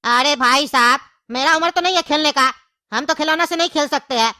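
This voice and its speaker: A woman's voice: high voice, a little fast, noisy background, close to an everyday voice. A woman voicing a cheeky, unmarried forty-five-year-old man in a cartoon, rambling and pleading. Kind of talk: cartoon comedy voice acting.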